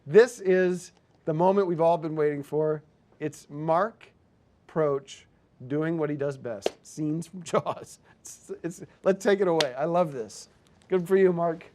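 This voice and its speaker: A man's voice: on the high side, a little slow, warm tone, a little hiss or hum. A man hosting a comedic show, pushy and interrupting as he gives direction. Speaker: host.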